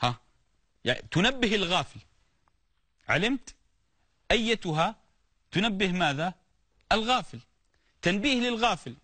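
Animated high-voiced male preacher. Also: normal speed, pauses often, no room sound. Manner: animated, explains word meanings with everyday examples and repeated calls to listen. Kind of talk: sermon on stories of the prophets.

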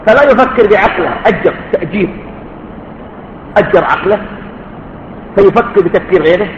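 With a slight hiss or hum over an echoey, dull lo-fi hall recording, a man with a high voice lectures students on religion at a study course. He's emphatic, relies on rhetorical questions and sometimes calls on people to answer.

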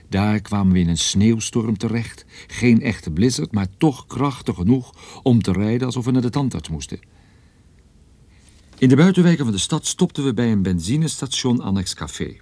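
In a noir radio drama, an actor plays a wry private detective narrating his own story in the first person, dry and ironic. His voice is fairly low and mellow, with no room sound.

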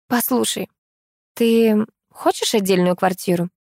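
A woman's voice: medium pitch, unhurried, darkish tone, no echo, clean studio sound, natural voice. A woman voicing a feverish, secretive young woman in an audiobook. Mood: evasive. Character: excited scheming young woman.

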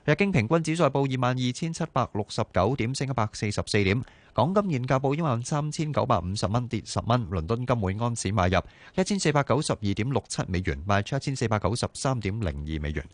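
A man reading weather and market figures as a radio newsreader in a Hong Kong Cantonese accent, brisk and formal. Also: medium pitch, expressive, no room sound. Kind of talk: news bulletin read-out. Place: radio studio.

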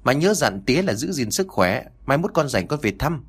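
A man voicing a gentle, dutiful young wife who talks with forced cheer in an audiobook. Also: medium pitch, very animated, normal speed, breathy edge. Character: young wife hiding her unhappiness.

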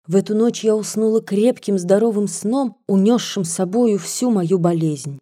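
A woman narrating a story as an audiobook reader, measured and softly expressive. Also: medium pitch.

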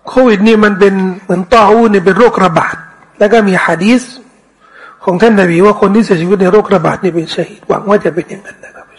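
A man teaching a commentary lesson on scripture, answering questions in a casual way, repeating words and reciting verses slowly. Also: high voice, husky, low-quality recording. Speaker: Islamic teacher.

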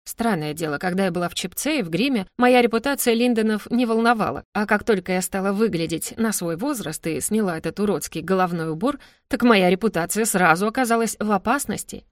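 Female audiobook narrator, measured and ironic, in a dry, close recording. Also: medium pitch, no room sound. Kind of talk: first-person novel narration.

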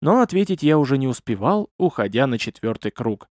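A man narrating a first-person audiobook in an expressive, storytelling manner. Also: medium pitch, a little fast, no echo, clean studio sound.

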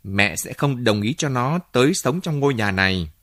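A man's voice: mid-range voice, expressive, moderate pace, fairly bright tone, dry recording, studio quality, close to an everyday voice. Male reader as a resentful storybook matriarch, cold, contemptuous, unyielding. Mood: bitter. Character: bitter, stubborn older mother.

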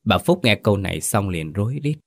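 A man's voice: fairly low pitch, big pitch swings, brisk, no echo. A man giving dramatic, scripted narration of a horror story.

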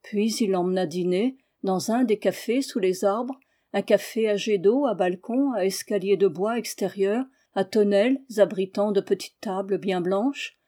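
A woman narrating a classic novel in a measured, expressive reading. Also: medium pitch.

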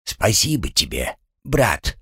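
A man's voice: lowish voice, wildly swooping pitch, slow pace, pushed and bright, husky, no echo, clean studio sound, full character voice. A man voicing a squabbling, boastful little male creature who squeals when angry, in a read-aloud story. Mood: eager. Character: squabbling short male creature, cursemaker, boastful and hot-tempered.

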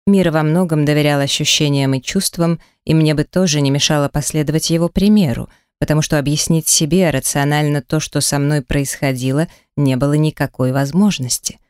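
A woman narrating a first-person romance audiobook in an intimate, breathy manner on a close studio mic. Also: sits low, fairly even intonation, brisk, few pauses, darkish tone, dry recording.

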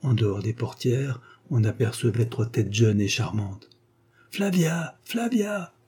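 A man narrating a classic novel aloud in a measured, expressive way. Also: on the low side, slightly rough. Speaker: audiobook narrator.

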